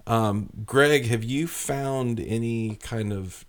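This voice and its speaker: A man's voice: mid-range voice, slow pace. A man hosting a podcast in a casual, easygoing way, steering the talk with questions, recorded in a cabin. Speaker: podcast host.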